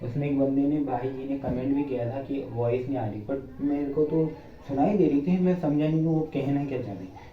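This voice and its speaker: A man's voice: medium pitch, fairly quick. A young man from India vlogging casually while cleaning his village home, joking and rambling to viewers, a bit out of breath, recorded on a phone with no mic. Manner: chatty, jokey, rambling, addresses viewers as brothers. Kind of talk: casual vlog chat. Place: village house, cleaning rooms. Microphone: phone camera, no external mic. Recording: dull lo-fi phone audio in an echoey room.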